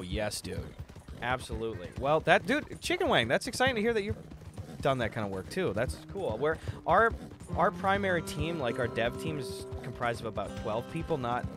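A young adult man with a mid-range voice hosts a gaming livestream from an indoor room at his streaming setup, casually chatting and reading out viewer messages. He sounds slightly tired and worn-down, and his style is slangy, jokey and profane, with "dude" and "bro" coming up often.

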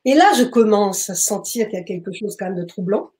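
A woman recounts a personal experience in an interview, pausing often to search for the right word. Her voice is warm and mellow, sitting in a middle range. She speaks hesitantly, with frequent restarts. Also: mid-range voice. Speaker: author and medium. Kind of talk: interview storytelling. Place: bookshop.

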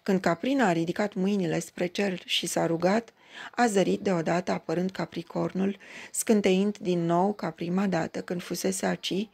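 A woman narrating a fairy tale at a measured pace. Her voice is low and gravelly, with a steady storyteller's rhythm. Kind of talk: fairy tale read aloud.

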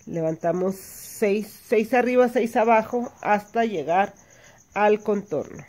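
A woman gives a calm, step-by-step hand embroidery lesson. She counts each stitch aloud and pauses to check that her listeners are following. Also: mid-range voice. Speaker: embroidery teacher. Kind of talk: step-by-step craft tutorial.

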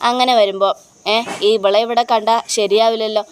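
A woman's voice: medium pitch, steady tone, fairly quick, a little hiss or hum, close to an everyday voice. A woman voicing Devayani, a worried middle-aged mother in a retold family serial, pleading anxiously.

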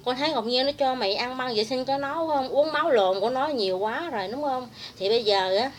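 A woman's voice: sits high, quick pace, a little hiss or hum. Furious woman ranting. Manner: heated, crude, insulting. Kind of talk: angry vlog rant.

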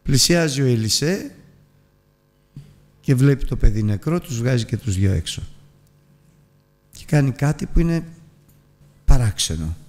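A man with a medium-pitched, dark voice teaches a Bible lesson, earnestly retelling a scripture story. He calls his listeners brothers, and his storytelling rises and drops for emphasis.

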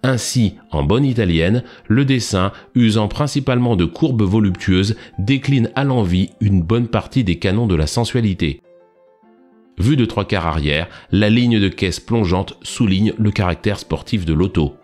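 A man reads scripted narration in a formal, literary register, delivering each sentence evenly at a measured pace as though from a prepared text. His voice sits a little low, and faint music plays quietly in the background throughout.

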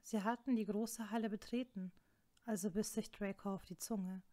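Brief: female storybook narrator, mid pitch, steady and even. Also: moderate pace. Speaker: fan fiction reader.

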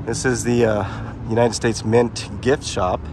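A man's voice: medium pitch, fairly even intonation, measured pace. A man filming a casual walking vlog outdoors on a city sidewalk, rambling and chatting directly to his viewers on a handheld camera mic. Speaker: vlogger. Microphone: handheld camera mic while walking. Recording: street traffic noise behind. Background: traffic.

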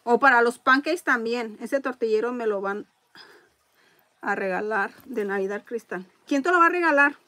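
A woman hosting a casual live-stream raffle, chatting along and reading viewer comments out loud. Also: on the high side, moderate pace.

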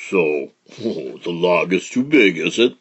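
A man voicing a big hungry alligator in a storybook reading, talking in a slow, coaxing drawl. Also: deep voice, lively intonation, breathy edge, full character voice. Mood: sly. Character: big hungry male alligator, sly and menacing.

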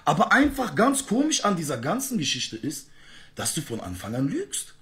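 A man's voice: on the high side, wildly swooping pitch, normal speed, pushed and bright. A man ranting heatedly in a live-stream argument, full of street slang.

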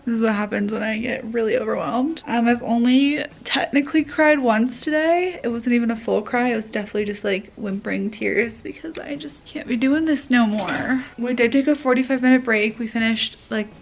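A young woman vlogging from home as a college student, talking casually and swinging between stressed mumbles and excited chatter. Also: a little high, fairly quick, creaky, hardly any pauses, low-quality recording. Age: young adult. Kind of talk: casual vlog talk.

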